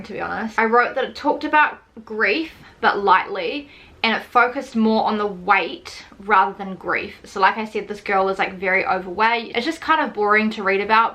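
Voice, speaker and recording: Chatty young woman with a bright voice. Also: mid-range voice. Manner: chatty, uses "like" a lot. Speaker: book vlogger. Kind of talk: casual book review chat.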